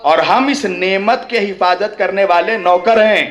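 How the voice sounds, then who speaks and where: High-voiced man preaching with fiery rhetorical questions. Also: a little slow, muffled recording. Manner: rhetorical questions with a repeated "hain?" tag; rises to shouting at climaxes. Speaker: religious orator at a mourning gathering. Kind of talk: impassioned religious speech.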